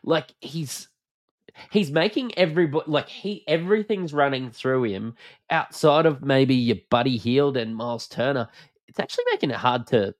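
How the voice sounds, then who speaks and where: Aussie bloke, broad australian accent, matey slangy sports podcast chat, really dry close sound. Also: male voice, mid-range voice, moderate pace, dry recording. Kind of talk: casual basketball analysis chat.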